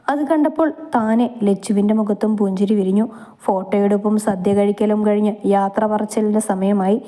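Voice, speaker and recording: A woman reading a romantic family story aloud in a gentle, steady storytelling manner. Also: medium pitch.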